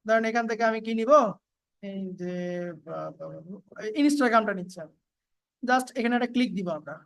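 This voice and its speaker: A woman giving a casual, step-by-step software tutorial, with frequent fillers and repeats. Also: on the high side, moderate pace. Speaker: video editing tutor. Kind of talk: screen-recorded software tutorial.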